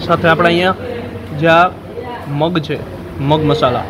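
A man's voice: a little high, steady tone, measured pace, noisy background. A man in his thirties doing a casual food vlog from a roadside restaurant dining hall, chatty and listing dishes as he tastes them. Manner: chatty, calls viewers brother, lists dishes. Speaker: food vlogger.

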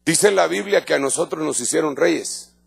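A man's voice: a little high, moderate pace, vocal fry, slightly rough, soft background music. A middle-aged man with a Guatemalan accent preaching an evangelical sermon in a church, speaking emphatically and conversationally to the congregation and often repeating his words. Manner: repeats words and restarts phrases. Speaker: pastor.

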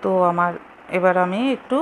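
This woman speaks at a moderate pace with a fairly low pitch and a flat delivery. As host of a home recipe video, she gives simple, casual, step-by-step cooking instructions from her home kitchen, and the audio there is clearly noisy.

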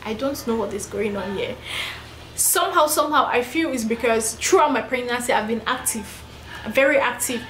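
In an echoey room with faint ambience and a little hiss or hum, a young woman who is heavily pregnant vents to her vlog camera with emphasis and repetition. Her voice is fairly high, at a moderate pace.

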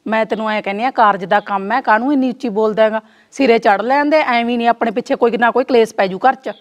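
A woman playing a young daughter-in-law who speaks softly and calmly, with a Punjabi village accent. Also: on the high side, fast, lo-fi sound, lightly acted. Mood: placating. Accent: Punjabi village speech. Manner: soft, placating, hushing others.

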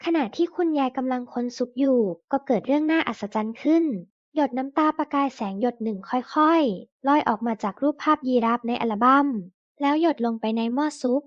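A woman reading a children's story aloud slowly and clearly, then reading a list of vocabulary words. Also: high-pitched, dry recording, dull audio.

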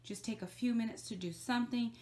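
A woman's voice: a little high, a little mellow. A middle-aged woman vlogging casually about tidying her bedroom, talking in a chatty, upbeat way into a phone camera held at arm's length. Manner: chatty and upbeat, drawn-out emphasis. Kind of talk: casual cleaning vlog. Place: bedroom in a home.

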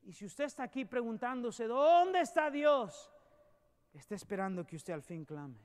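High-pitched impassioned man preaching. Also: lively intonation, fairly quick. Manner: impassioned preaching that swings from loud emphatic peaks to hushed, low storytelling. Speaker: pastor. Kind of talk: sermon. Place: church sanctuary.

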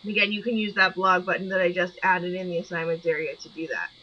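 A woman's voice: on the low side, steady tone, fast. A woman college instructor giving an encouraging, chatty weekly class announcement, recorded on a poor-quality backup microphone. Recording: dull lo-fi backup mic with mains hum.

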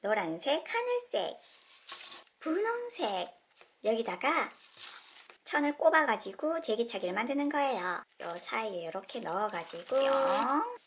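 A woman's voice: fairly high pitch, very animated, a little slow, a bit bright, slight background noise. A woman hosting a toy unboxing video, narrating cheerfully for children with playful exclamations. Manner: playful, exclaims often, talks to kids.

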